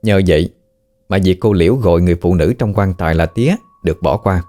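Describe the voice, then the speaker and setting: Southern vietnamese guy telling a ghost story, deep and warm, steady. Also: fast talker.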